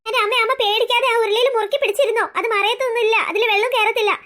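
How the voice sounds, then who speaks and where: A woman voicing a calm, steady middle-aged father in a cartoon story, reassuring and lecturing his family. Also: very high voice, rapid-fire.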